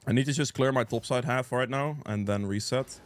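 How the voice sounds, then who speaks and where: Playing a video game, this sniffly guide creator reacts and thinks out loud in casual live commentary, nursing a cold. He speaks briskly at a medium pitch.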